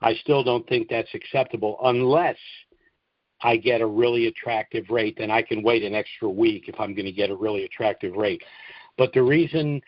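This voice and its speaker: Over a conference call line, a man with a lowish voice hosts the call at a moderate pace, answering callers with informal, instructive advice and emphatically repeating his points. The recording is dry, dull, and lo-fi.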